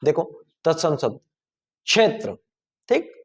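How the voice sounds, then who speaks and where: A man's voice: a little high, very animated, unhurried, breathy edge. A man teaching a grammar class, explaining pronunciation patiently and repeating example words aloud to stress their sounds.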